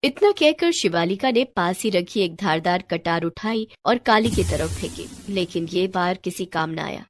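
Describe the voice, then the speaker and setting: A woman narrating a children's storybook tale in a lively, dramatic way. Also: on the low side, moderate pace, no echo. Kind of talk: scripted narration.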